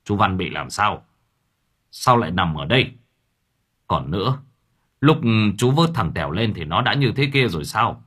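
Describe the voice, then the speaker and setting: A man's voice: low-pitched, very animated, moderate pace, pauses often, fairly bright tone, husky, full character voice. A man voicing a stern older village head who speaks in a firm, questioning way.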